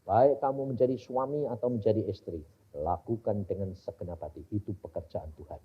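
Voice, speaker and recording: A preacher voicing the gentle, humble Lord. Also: male voice, on the low side, breathy edge, pitched below the performer's own voice. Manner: soft, slow, instructing. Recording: dull lo-fi recording.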